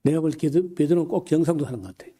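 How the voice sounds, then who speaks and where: A man preaching in a conversational Bible lecture, halting with fillers and throat clearing, then speeding up in quick bursts, folksy and humorous. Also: on the high side, dark tone. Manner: folksy and humorous, mimicking regional speech.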